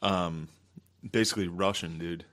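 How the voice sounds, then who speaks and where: A male podcast host with a fairly low voice chats casually. His delivery is blunt, slangy and wry, made for comic banter. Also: fairly even intonation, moderate pace, fairly bright tone.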